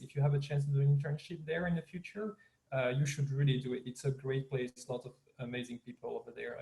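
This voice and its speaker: A man's voice: mid-range voice, dark tone, low-quality recording. French-speaking Swiss man, guest professor, upbeat presenter over a video call. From Switzerland. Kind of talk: online lecture.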